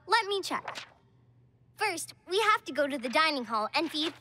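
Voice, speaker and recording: A woman voicing a cheerful, calm young cartoon girl who reassures her timid friend. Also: sits high, moderate pace. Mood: reassuring. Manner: bright, reassuring, playful. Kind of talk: cartoon voice acting. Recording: studio voice over loud music.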